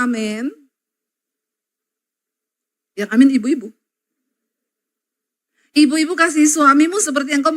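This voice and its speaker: A middle-aged woman pastor delivering a sermon in a high, bright voice. She tells homely stories and acts out the quarrels in them. She speaks straight to the mothers and fathers in the congregation. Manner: lively storytelling, acts out everyday quarrels in quoted voices.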